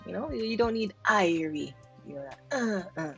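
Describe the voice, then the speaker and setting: A Jamaican woman linguist hosts a show explaining pronunciation while reacting to clips, repeating words aloud to show how they sound and laughing lightly. Her mid-range voice is a bit bright, with vocal fry and lively intonation at a normal speed. Soft background music plays.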